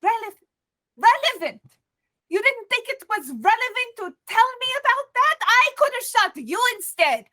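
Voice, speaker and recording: A hot-tempered adventurer woman, as a player puts her on in a tabletop game. Her voice rises high and sharp as she fires off accusing questions. The delivery is bright and tense, with wide swings in pitch. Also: big pitch swings, moderate pace, full character voice. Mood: furious. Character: furious suspicious female adventurer, hot-tempered.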